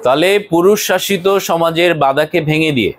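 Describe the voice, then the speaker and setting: A man's voice: on the high side, brisk, poor audio. Male college English teacher, firm classroom lecturing, faint room noise. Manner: scolding and explaining, mixing English phrases into speech.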